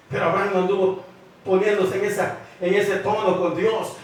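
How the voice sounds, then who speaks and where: High-voiced preacher in an echoey hall. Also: male voice, distant mic. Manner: repeats 'hermanos', asks the congregation questions. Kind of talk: sermon. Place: church hall with congregation.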